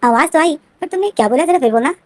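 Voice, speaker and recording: Playful, persistent young man, done by a woman narrator, teasing and insistent, quick delivery. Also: sits high, lively intonation, dry recording, voice pushed up.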